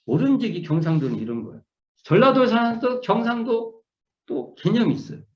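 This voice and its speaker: Middle-aged guy teaching scripture, high voice, repeats words, echoey muffled room. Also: big pitch swings, fairly quick. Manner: repeats key words, hesitant restarts, musing explanations. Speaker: Won Buddhist minister teaching scripture. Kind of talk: online scripture lecture. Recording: echoey room, dull lo-fi sound.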